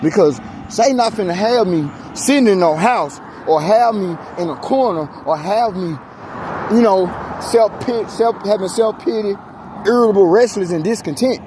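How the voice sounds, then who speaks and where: A man's voice: high voice, normal speed. An exasperated American man venting and preaching in casual, emphatic, repetitive talk as he walks along. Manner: speaks while walking. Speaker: vlogger. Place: outdoors on a street. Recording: street noise, handheld outdoor recording.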